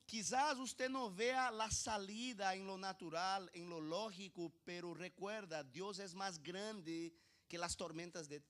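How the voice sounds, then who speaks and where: A male pastor preaching a sermon, asking the congregation rhetorical questions and swinging from quiet asides to loud emphasis. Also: sits high, fairly even intonation, slow pace.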